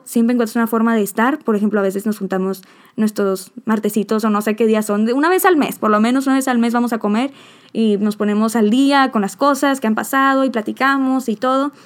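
A young woman hosting a podcast, talking heartfelt and rambling. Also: fairly high pitch. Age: young adult. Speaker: podcast host. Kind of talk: emotional podcast chat.

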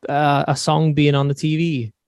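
A man's voice: fairly high pitch, level tone, normal speed, a little mellow, clean tone, dry recording, studio quality. A man with a Swansea Welsh accent chatting informally and matily as a musician guest on a podcast. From Swansea, Wales. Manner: matey, informal, peppered with "you know". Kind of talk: casual interview chat.

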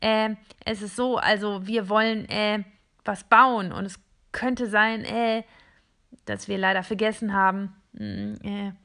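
A woman's voice: mid-range voice, fairly even intonation, a little slow, vocal fry, sharp tone. A woman voicing small round household gadgets that stammer helplessly with many ums. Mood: pleading.

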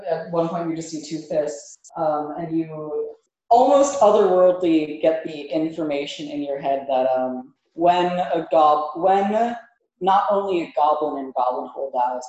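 Female game master, low pitch, halting casual improvised narration, very roomy recording. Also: warm tone, muffled recording. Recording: roomy, echoing tabletop recording.

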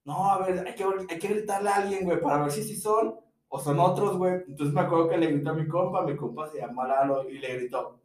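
A young Mexican man with a Mexican Spanish accent co-hosts a podcast, telling a vacation story in slangy, casual chat, laughing and acting out his friends' lines. His voice is fairly high, fairly quick and a little mellow, recorded away from the mic in an echoey room.

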